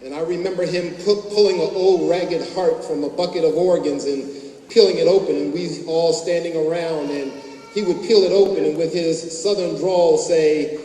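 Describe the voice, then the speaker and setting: A man's voice: on the high side, steady tone, normal speed, mellow. A middle-aged man, a doctor, giving a graduation speech with anecdotal, self-mocking humor. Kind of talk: ceremony speech, storytelling. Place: large hall. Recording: echoey hall from far off, faint hum.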